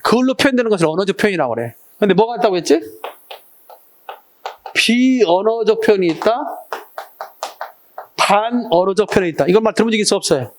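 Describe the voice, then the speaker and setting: High-voiced man lecturing a class. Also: animated, fairly quick, long pauses, a little hiss or hum. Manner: banmal, quizzing students with short questions. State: throat irritated, clearing it often. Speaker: exam prep teacher. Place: classroom with students.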